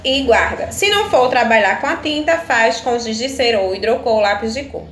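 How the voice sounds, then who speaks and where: A primary school teacher with a Brazilian Portuguese accent, a woman with a slightly high voice, takes children through their exercises one step at a time. She checks often that they are following. The room has a noticeable echo. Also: animated, moderate pace, fairly bright tone. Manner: patient, explains step by step, often asks "tá certo?". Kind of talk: recorded video lesson for children. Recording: echoey room with faint ambient noise.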